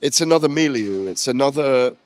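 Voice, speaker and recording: A middle-aged man with an expansive, animated way of talking, being interviewed at a busy event and often circling back to repeat himself. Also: medium pitch, brisk. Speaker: interviewee on a red carpet. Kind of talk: excited casual chat.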